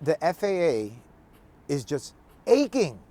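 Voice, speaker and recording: A man co-hosting a casual chat, talking in an animated, emphatic way and swearing freely. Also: a little high, slow pace. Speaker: podcast co-host. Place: outdoors in cold weather.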